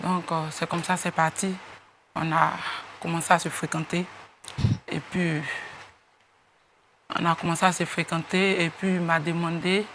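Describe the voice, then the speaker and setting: A woman guest on a talk-show set, telling her story in a halting, quiet way with many pauses. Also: lowish voice, level tone, slight background noise. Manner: halting, soft-spoken, many fillers. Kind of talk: hesitant confession on a talk show. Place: television studio.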